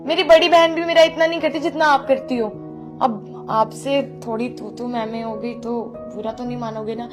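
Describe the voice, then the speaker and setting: A woman's voice: fairly high pitch, fairly even intonation, normal speed, natural voice. An actress playing a young woman, a model, who pleads and apologizes at length to her elder sister-in-law in a chatty, wheedling way. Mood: pleading, apologetic. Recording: background score music.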